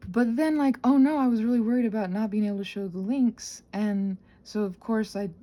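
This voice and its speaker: A woman with a mellow, mid-range voice talks a little fast on her solo rambling audio channel. Unscripted and scattered, she pokes fun at herself and often trails off, sounding tired and congested because of a sinus infection.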